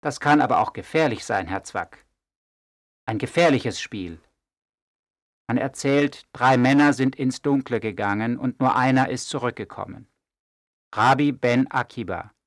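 Male actor as a wise, gently teasing older scholar, even middle voice. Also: mid-range voice, no echo, studio quality, lightly acted. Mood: measured. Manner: calm, measured, gently ironic. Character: calm wise male archivist, mild and teasing. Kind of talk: audio drama acting.

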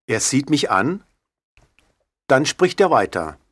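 A man narrating an audiobook in first person, slow, intense and introspective. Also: medium pitch, sing-song, a bit bright, dry recording, clean studio sound.

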